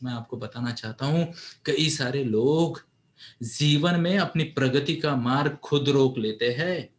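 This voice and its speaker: A man giving a motivational storytelling talk to an audience, animated and engaging, often turning to the audience with questions. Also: on the high side. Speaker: motivational speaker and counselor.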